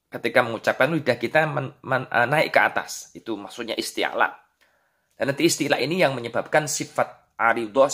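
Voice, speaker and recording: A man's voice: medium pitch, fairly bright tone. A man with an Indonesian accent teaching Quran letter pronunciation, patiently explaining and then drilling syllables aloud. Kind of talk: slow instructional lesson with drills.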